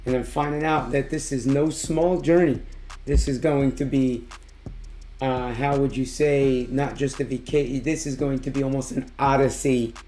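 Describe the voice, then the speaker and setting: A man with a hoarse, tired voice giving a casual, excited music reaction in slangy, emphatic talk. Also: mid-range voice, a little hiss or hum. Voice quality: hoarse, worn-out voice from losing it. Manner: slangy, emphatic, drawn-out exclamations. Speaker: music reaction video host.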